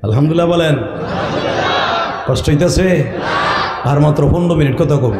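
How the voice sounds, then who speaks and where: A fairly high-voiced man preaches a humorous sermon, slipping from colloquial joking into loud shouted chants. His voice rings out through a loudspeaker with long, hall-like reverb. A large crowd can be heard around him. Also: moderate pace, heavy background noise. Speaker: Islamic preacher. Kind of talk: humorous sermon at a religious gathering. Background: crowd of listeners.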